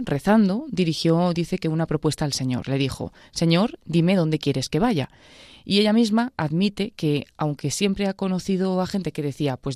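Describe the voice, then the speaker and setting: A woman radio presenter retelling someone's testimony in a conversational, measured way. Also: deep voice, darkish tone, no echo, studio quality.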